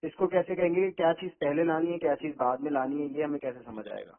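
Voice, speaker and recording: A man attending an online class as a student, asking hesitant questions with pauses and restarts. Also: a little high, steady tone. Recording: tinny online call audio.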